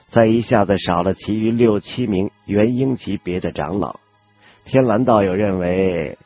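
A man's voice: fairly low pitch, slightly rough, highs cut off. A man voicing Han Li, a cold, calculating cultivator. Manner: calm, cold, measured. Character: cool-headed calculating male immortal cultivator.

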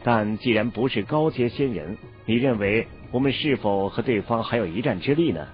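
A man voicing a stern male Taoist cultivator in a storybook, with measured, grave speech. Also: mid-range voice, animated, lightly acted. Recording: dull lo-fi audio, faint music.

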